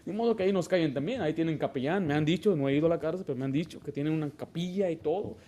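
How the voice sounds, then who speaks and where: A man's voice: a little high, rapid-fire, dark tone, slight background noise. A male pastor preaching a Baptist sermon, asking the congregation rhetorical questions and acting out little dialogues. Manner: acts out short dialogues in a raised voice.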